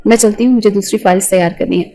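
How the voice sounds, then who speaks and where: A woman voicing a shy, hardworking young office worker who answers politely and softly in a storybook. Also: medium pitch, fairly even intonation, close to an everyday voice. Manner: polite, soft-spoken.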